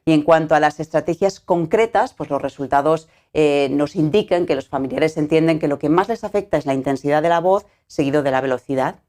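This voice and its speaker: A woman giving an academic conference presentation, explaining results in a measured way with frequent filler words. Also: sits low, a little mellow.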